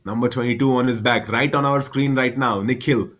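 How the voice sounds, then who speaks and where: A man's voice: mid-range voice, fairly even intonation, fairly quick, a bit bright. A man doing live baseball commentary, chatty and repetitive, explaining the game for cricket fans.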